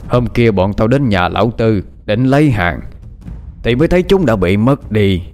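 Man doing a mocking villain, cruel, gloating, low voice, swinging pitch, soft music behind. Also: animated, normal speed. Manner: mocking, laughing, self-satisfied. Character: gloating cruel male sect villain, middle-aged.

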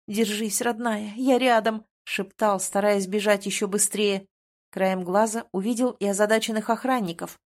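Female audiobook narrator, mid-pitched, dramatic first-person fantasy read.

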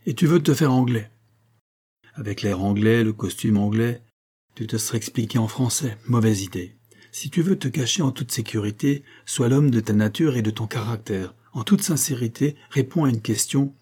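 A man voicing a jovial, theatrical male opera singer who speaks in a lively, expansive and commanding way. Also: medium pitch, normal speed, slightly rough, close to an everyday voice.

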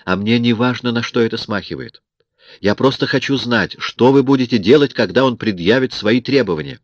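A man voicing a selfish, angry young woman with a sharp, reproachful way of talking. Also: mid-range voice, big pitch swings, normal speed, no room sound, pitched above the performer's own voice, lightly acted. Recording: dull lo-fi audiobook recording.

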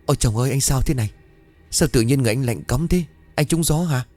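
A man's voice: fast talker, a little mellow, no room sound, faint music behind, close to an everyday voice. A man voicing a frightened young bride who pleads in a raised voice. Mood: panicked. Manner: high pleading, panicked.

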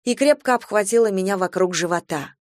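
A woman's voice: mid-range voice, fairly quick, no room sound, studio quality. A woman narrating a story in a wry, ironic way.

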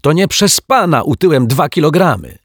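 A man voicing a thin, cheerful, excitable detective who blurts out his discoveries in a high, gleeful voice. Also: moderate pace, breathy edge, no room sound, studio quality, full character voice. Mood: elated. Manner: gleeful, high-pitched exclamations. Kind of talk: audiobook character voice.

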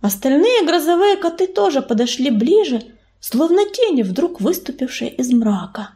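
A woman narrating a children's fantasy audiobook in an expressive, dramatic manner. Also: sits high, normal speed. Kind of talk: scripted storybook narration.

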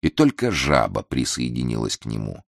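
A man narrating a fairy tale in a measured, even storytelling manner. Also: very deep voice, vocal fry, dry recording, clean studio sound.

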